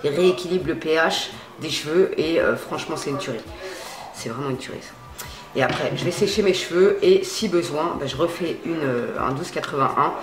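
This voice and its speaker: A woman's voice: deep voice, moderate pace, over music. Slangy woman chatting in an echoey room. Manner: chatty and slangy, often trails off with fillers. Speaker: beauty vlogger. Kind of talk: casual hair-dye tutorial chat. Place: home at night.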